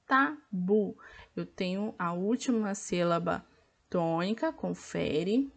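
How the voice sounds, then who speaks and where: A woman teacher with a Brazilian Portuguese accent, patiently walking pupils through a workbook and sounding out each word clearly. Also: mid-range voice, lively intonation, slow. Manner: patient, over-articulates words to count syllables. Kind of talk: slow classroom explanation of an activity book.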